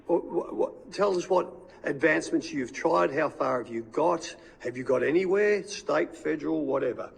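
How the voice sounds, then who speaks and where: A man's voice: on the high side, animated, normal speed, gravelly, hardly any pauses, breathy edge. An Australian man chairs a committee hearing in a blokey, informal way, stumbling over the formal wording.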